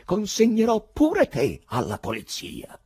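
Guy playing a raging young poet yelling, raised husky voice, audiobook. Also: fairly high pitch, wildly swooping pitch, a little slow, voice pushed up, heavily acted. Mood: furious. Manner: shouting, accusing, agitated. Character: furious young male poet, agitated. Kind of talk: audiobook narration.

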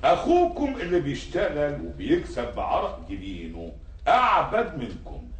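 A didactic village sheikh with an Egyptian accent, telling a story to children in a somewhat high voice. His pitch moves in a lively way, and he sounds roomy and a little away from the mic. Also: moderate pace, distant mic. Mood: preaching. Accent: Egyptian Arabic. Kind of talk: 1960s Egyptian radio drama acting.

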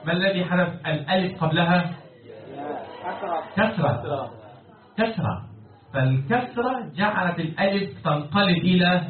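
Egyptian sheikh quizzing a class, echoey. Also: male voice, high-pitched, expressive, unhurried, long pauses. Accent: Egyptian Arabic. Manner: keeps quizzing students and pressing them for answers. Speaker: sheikh teaching Quran commentary and Arabic morphology. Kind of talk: classroom lecture with questions to students. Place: lecture hall with students. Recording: echoey, distant, phone-like, crowd noise.

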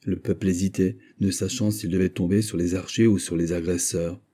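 A man narrating a classic novel as an audiobook in a steady, measured reading. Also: low voice.

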